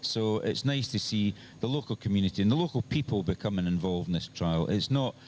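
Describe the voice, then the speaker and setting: A Scottish man commentating on a trials event for local radio, chatting in a relaxed, rambling way with many hesitations. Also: fairly low pitch, a little fast, a little hiss or hum.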